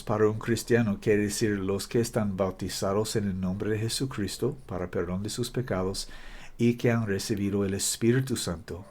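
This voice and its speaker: A male preacher in Spanish, giving an emphatic, halting scripture sermon and correcting himself as he goes. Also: on the low side, a little mellow, a little hiss or hum. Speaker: preacher, minister.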